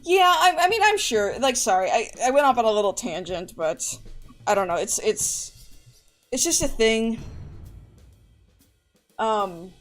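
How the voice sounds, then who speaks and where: A woman's voice: a little high, expressive, unhurried, long pauses, faint music behind. A woman streamer chatting casually to her live audience, rambling and going off on tangents. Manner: rambling, chatty, often restarts and trails off.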